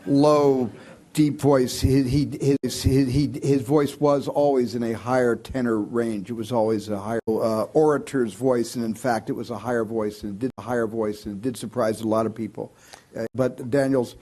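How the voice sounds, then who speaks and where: A man answering interview questions in a halting way, often repeating and restarting his words. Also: medium pitch, steady tone, warm tone.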